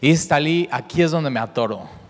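A man preaching a sermon with animated delivery, often repeating words and rising in pitch for emphasis. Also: moderate pace. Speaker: pastor. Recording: echoey hall with long reverb.

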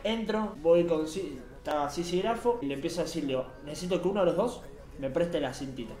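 A young man with a Rioplatense accent, telling a story in casual chat, animated and full of acted quotes. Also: a little high, brisk. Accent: Rioplatense Spanish. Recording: echoey room with faint music.

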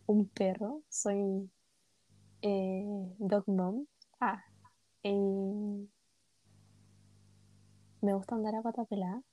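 A woman's voice: medium pitch, flat delivery, extremely slow, pauses often, warm tone, no room sound, highs cut off. A young woman with a Chilean accent, co-hosting a casual podcast, hesitant and self-deprecating, with many fillers. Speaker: podcast co-host.

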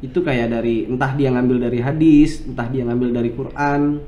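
A man's voice: medium pitch, fairly even intonation, normal speed, dark tone, highs cut off. A man from Java hosting a casual chat interview, joking in slangy talk and laughing often. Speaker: host.

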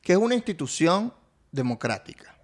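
A man's voice: sits high, big pitch swings, moderate pace. A man with a Venezuelan accent co-hosts a casual explanatory chat, prompting and clarifying terms for the audience. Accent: Venezuelan Spanish. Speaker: co-host.

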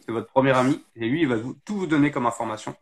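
A man's voice: mid-range voice, quick pace. A man talking casually as an interview guest, explaining things step by step with many hesitations. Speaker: SEO guest.

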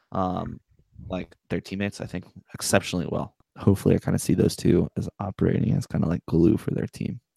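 A man with a very deep, gravelly voice, speaking in a dry, close recording. He co-hosts a podcast in easy, casual chat full of filler words. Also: darkish tone, no room sound. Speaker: podcast co-host. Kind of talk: casual sports discussion.

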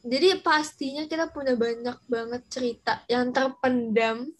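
A teenage young woman with a soft, non-rolled R, chatting casually and informally as a podcast co-host. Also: high-pitched, fairly even intonation, moderate pace. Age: teens. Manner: chatty, informal, slang with English mixed in.

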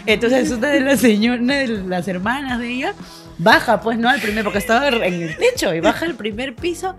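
A woman's voice: a little high, lively intonation, a little fast, over music. A woman with a Peruvian accent telling a funny family story to friends, laughing often and acting out the voices of the people in it. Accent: Peruvian Spanish. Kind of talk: casual storytelling.

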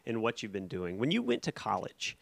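A man's voice: on the low side, huge pitch swings, a little fast, gravelly, dry recording. A man asking questions in a casual, conversational interview.

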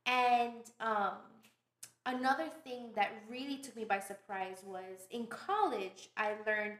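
A woman from Brooklyn, a podcast guest telling stories in casual, animated chat. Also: fairly high pitch, takes it slowly. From Brooklyn, New York. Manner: animated storytelling, laughs often. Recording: roomy echo.

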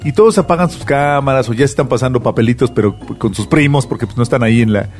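A man's voice: medium pitch, quick pace, darkish tone, soft background music. A man co-hosting a casual comedy talk show, joking and chatty. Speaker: co-host.

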